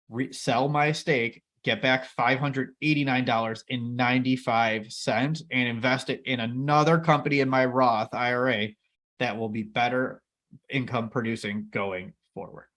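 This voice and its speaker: A man's voice: mid-range voice, steady tone, normal speed, fairly bright tone. A man in his thirties co-hosting an investing chat, upbeat and joking as he rambles. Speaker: co-host of a dividend investing channel. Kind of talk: casual chat.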